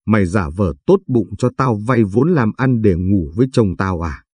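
A man's voice: fairly low pitch, lively intonation, moderate pace, slightly rough, no echo. A man voicing a furious, heartbroken young wife who hurls accusations at her husband. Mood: enraged. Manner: shouting accusations.

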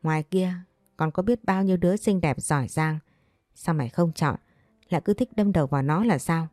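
A woman's voice: sits low, a little fast, dark tone, no room sound, clean studio sound, natural voice. A woman voicing a stern, scheming middle-aged mother who scolds her son bluntly. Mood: scolding.

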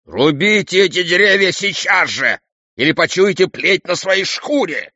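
A man voicing an arrogant, reckless king who shouts orders in a domineering way, in an audiobook. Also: mid-range voice, lively intonation, normal speed, no room sound, highs cut off, close to an everyday voice. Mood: commanding. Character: arrogant, reckless male king, loud and bossy.

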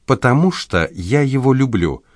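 A man's voice: mid-range voice, big pitch swings, moderate pace, no room sound, studio quality, voice pushed up, close to an everyday voice. A man voicing a cold, impatient wife in an audiobook, speaking in a curt, dismissive way. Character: cold, impatient wife leaving her husband.

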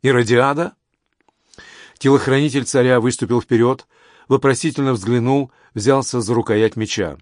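Man narrating an audiobook, steady delivery. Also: medium pitch, moderate pace, no echo, studio quality.

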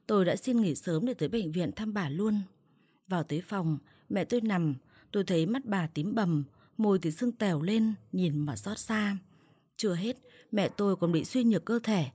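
A woman's voice: medium pitch, warm tone, husky, dry recording. A woman narrating a first-person family story in a blunt, feisty way.

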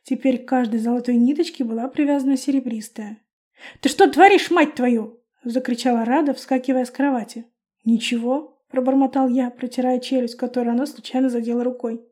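A woman calmly narrating a first-person audiobook. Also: fairly high pitch, fast, few pauses.

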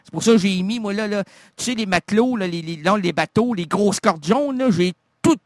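A Québécois radio host with a notably high voice spins a playful, absurd monologue, stumbling over words and restarting as he goes. The studio sound is dry and close, with no room around him. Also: normal speed, no room sound. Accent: Québécois French. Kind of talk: rambling comic radio monologue.

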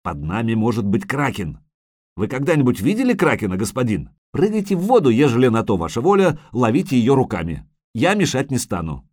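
A man playing a gruff sea captain, defiant and mocking, lively pitch, dry sound, storybook. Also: fairly quick, no room sound.

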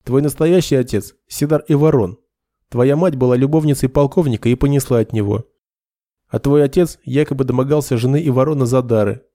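A man's voice: mid-range voice, brisk, dark tone, no room sound, clean studio sound, lightly acted. A man voicing a cool, blunt young sergeant who speaks in a cold, accusing way.

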